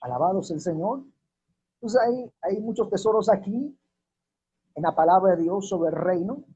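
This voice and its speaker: A minister delivers a sermon in a mellow, slightly raspy voice. He slows down and drops his tone to stress key words, repeating scripture for emphasis. The recording sounds muffled and lo-fi. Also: high-pitched, expressive. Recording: dull lo-fi recording.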